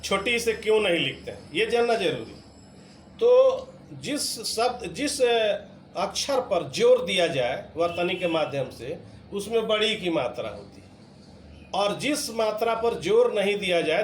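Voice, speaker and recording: A man teaching a video lesson, explaining patiently and stressing each example word. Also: high voice. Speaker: Hindi teacher. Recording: echoey room with faint background noise.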